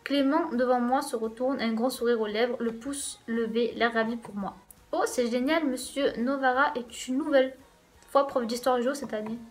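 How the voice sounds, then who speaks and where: A woman's voice: a little high, fairly even intonation, normal speed. Young-sounding woman reading a game aloud. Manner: casual, with wry asides. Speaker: let's play host. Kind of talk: reading a visual novel aloud.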